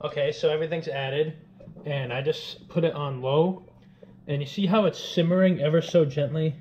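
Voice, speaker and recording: A man's voice: a little high, steady tone, normal speed, a little mellow, lo-fi sound. A man, narrating a casual home cooking vlog in an informal, emphatic way, often repeating his phrases. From Rhode Island, USA. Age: 20s. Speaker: home cook vlogger. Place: home kitchen, indoors. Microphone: action camera, close or at arm's length. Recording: clear background noise with clicks.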